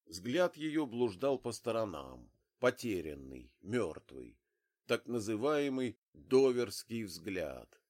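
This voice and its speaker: A man giving dramatic, expressive narration of a thriller audiobook. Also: lowish voice, takes it slowly. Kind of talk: scripted narration.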